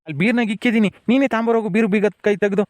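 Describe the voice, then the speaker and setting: A man playing a mild older village husband who tries to calm his wife. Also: high-pitched, racing, lightly acted.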